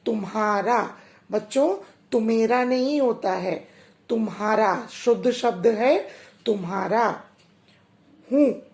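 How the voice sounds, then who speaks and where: A woman's voice: on the high side, gravelly, dark tone. A woman teacher giving a lesson to schoolchildren, explaining carefully and addressing the pupils directly. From India. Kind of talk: classroom lesson for children. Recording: echoey room.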